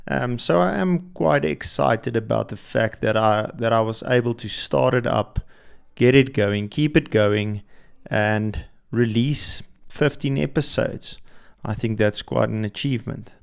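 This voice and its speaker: Reflecting by himself on his podcast, a young adult Afrikaans first-language speaker is hesitant, with many restarts and fillers. Yet his medium-pitched voice, gravelly but smooth, flows unhurried with hardly any pauses.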